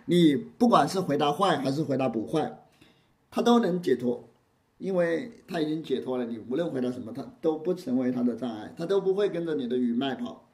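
A man giving a line-by-line lecture on a classical Zen text. He recites each old line slowly, then explains it in plain words. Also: medium pitch, expressive. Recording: roomy echo.

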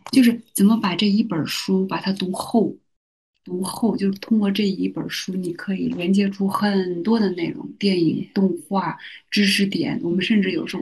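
A middle-aged woman, a university teacher, telling personal stories as a guest on a podcast, in a soft-spoken, reflective way with many small restarts. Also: medium pitch, slightly rough. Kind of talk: conversational storytelling.

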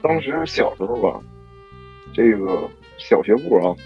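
A man with a Northeastern Chinese accent, co-hosting a podcast and recalling school days in a halting, hesitant way. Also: fairly low pitch, very animated, dull audio, faint music behind. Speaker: podcast co-host. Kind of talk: casual chat.

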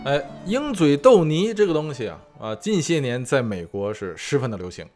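Male food-show host, animated pitch, chatty explainer full of asides. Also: moderate pace, faint music behind. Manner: chatty, many fillers and rhetorical asides. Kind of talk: casual explainer monologue. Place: lives in California.

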